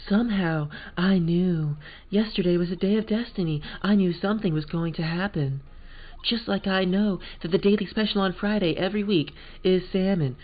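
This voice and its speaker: A man's voice: high voice, normal speed, muffled recording, pitched above the performer's own voice, natural voice. Angel Starr, a man playing a posh, domineering woman. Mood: haughty. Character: haughty scheming lunch-seller woman.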